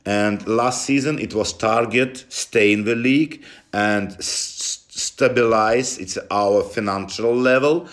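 Slow, low-voiced Russian man speaking halting English. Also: fairly bright tone. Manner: halting non-native English with dropped articles. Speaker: interview guest from a football club. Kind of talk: interview answers.

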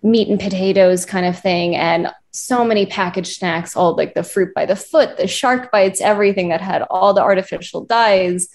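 A woman's voice: medium pitch, normal speed, few pauses, a little mellow. A woman from the United States, a clinician, giving earnest advice as a guest in a conversational interview. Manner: earnest, advising, builds points in lists.

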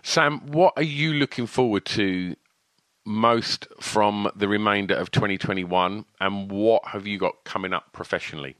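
A man's voice: on the low side, moderate pace, fairly bright tone, dry recording. A man with an Essex accent hosting a podcast, chatting casually and effusively in matey, informal slang. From Essex, England. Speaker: podcast host. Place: small room at home, alone.

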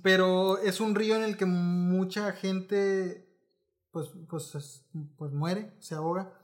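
A man hosts a relaxed podcast chat. His voice is fairly high, and he feels his way through questions with pauses and fillers. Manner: hesitant, halting questions. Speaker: podcast host. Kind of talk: casual interview chat.

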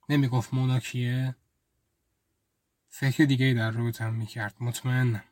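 A man's voice: mid-range voice, a little mellow, no echo. A man telling a first-person story as an intimate, reflective inner monologue, close to the mic. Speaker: storyteller and writer.

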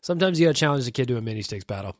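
A man's voice: medium pitch, animated, very fast, dry recording. Wry Canadian man hosting a podcast. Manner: wry and self-deprecating. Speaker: podcast host. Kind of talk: casual podcast chat. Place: home studio, alone. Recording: dry close mic with faint music.

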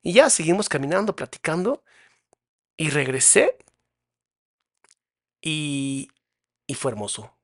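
A man's voice: on the high side, very animated, takes it slowly, long pauses, a bit bright, dry recording, clean studio sound. Slangy Mexican man telling a story. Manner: casual, slangy, re-enacting dialogue. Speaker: podcast host. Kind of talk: personal storytelling.

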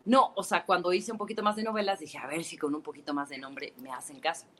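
A woman with a Mexican accent, chatting as a guest in an interview and telling animated stories full of fillers, heard over a phone call. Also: fairly low pitch, fast talker. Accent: Mexican Spanish. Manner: animated storyteller, many fillers like "este" and "o sea". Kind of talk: casual interview chat.

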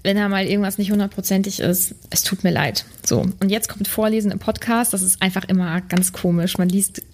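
A woman's voice: medium pitch, fairly quick, a little mellow, slight background noise. Breathless woman podcast reader. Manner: breathless, chatty with laughs. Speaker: podcast co-host. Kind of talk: reading a translated story aloud.

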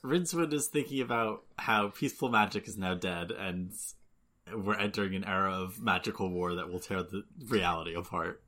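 A podcast co-host with a very low voice, recapping the plot in a relaxed, unhurried way. The talk is casual and full of "like" and "yeah". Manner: laid-back plot summarizing. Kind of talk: casual book-club chat.

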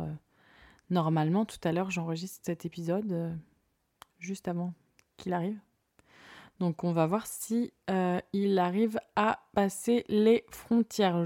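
A woman hosting her podcast in a relaxed, playful chat, pausing often with small hesitations, recorded in her parents' home office. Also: lowish voice, vocal fry, dry recording, studio quality. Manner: chatty and playful, with frequent hesitations. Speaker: podcast host. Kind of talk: casual chat. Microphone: podcast mic without its usual arm.

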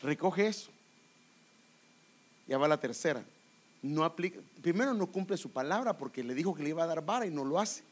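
A middle-aged male pastor preaching a sermon, animated and direct, often calling his listeners brother. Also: a little high, fast.

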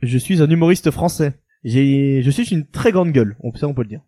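Lively man hosting a guessing game. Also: medium pitch, moderate pace, no echo, clean studio sound. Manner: playful, quizzing his guests. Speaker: host running a guessing game. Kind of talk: casual banter.

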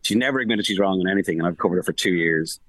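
A man, a sports journalist calling in from abroad who gives rapid, animated football analysis full of restarts and fillers. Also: low-pitched, poor audio. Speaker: sports journalist reporting from the tournament. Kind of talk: casual podcast analysis. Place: remote link from abroad.

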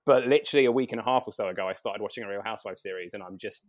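A British man, a writer and journalist, guesting on a podcast, rambling through stories with many restarts. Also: on the low side. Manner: rapid, rambling storytelling with many restarts and self-interruptions. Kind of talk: casual chat.

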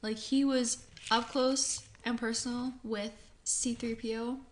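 A woman co-hosting a casual chat, talking in an animated way with gasps, laughs and big exclamations. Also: fairly high pitch, a little slow. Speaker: co-host.

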